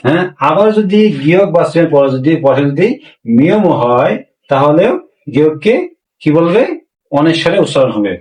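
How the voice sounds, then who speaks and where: A man teaching a language class, asking rhetorical questions and slowly repeating words for learners. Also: a little high, expressive, a little mellow. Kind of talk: classroom-style language lesson. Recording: echoey room, voice a bit far from mic.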